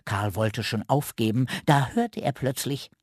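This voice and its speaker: A man reading a children's radio story aloud with slow, expressive storytelling. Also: medium pitch, no echo, clean studio sound.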